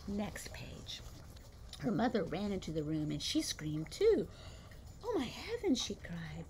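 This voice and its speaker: Reading aloud from a picture book, an older woman, a grandmother, tells the story warmly and with liveliness, commenting on the pictures between pages. She speaks at medium pitch with a gravelly voice, and background noise can be heard.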